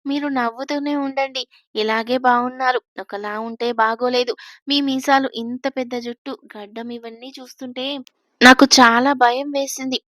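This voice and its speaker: A woman's voice: high voice, steady tone, normal speed, sharp tone, no room sound, studio quality. A woman voicing a timid, innocent young girl bride who chatters anxiously. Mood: innocent fearful.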